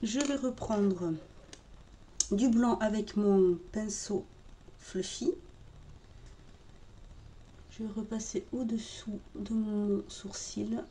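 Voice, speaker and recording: Woman makeup vlogger, calm step-by-step tutorial voice, mellow tone, mid pitch. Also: takes it slowly, pauses often, a little hiss or hum. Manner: calm, step-by-step, talking while working. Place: home room with birdsong outside.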